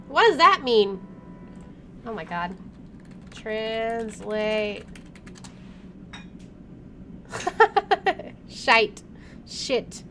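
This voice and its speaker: A woman narrates and reacts to a visual novel in an informal way, her fairly high voice sing-song and sharp in tone. She draws out words and leaves long pauses. Game music plays behind her over slight background noise.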